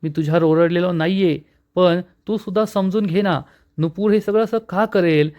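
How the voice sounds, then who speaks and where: A man's voice: high-pitched, moderate pace, a little mellow, close to an everyday voice. A man doing an earnest young husband. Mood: pleading. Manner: pleading, earnest. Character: earnest young man defending his wife.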